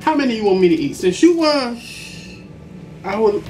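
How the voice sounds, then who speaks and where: Animated American woman with higher voice. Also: normal speed. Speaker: challenge video co-host. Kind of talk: casual vlog chat. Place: home kitchen. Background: music.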